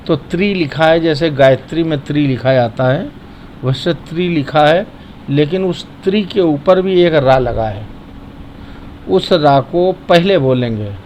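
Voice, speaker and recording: A man teaching the correct pronunciation of devotional verses, chanting lines slowly and then correcting single syllables. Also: on the high side, a little mellow, a little hiss or hum. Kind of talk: patient recitation lesson.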